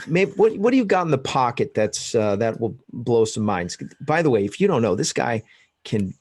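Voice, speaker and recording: A man's voice: medium pitch, darkish tone, no room sound, studio quality. A man hosting a casual podcast, rambling and hesitant as he talks. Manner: rambling, hesitant, lots of fillers. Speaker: podcast host.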